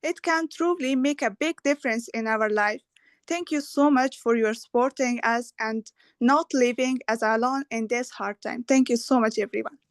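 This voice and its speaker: A young woman speaks in sincere, halting English over a video call. Her voice is high. The sound is dry and close. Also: no room sound. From Afghanistan. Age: young adult. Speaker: student and writer.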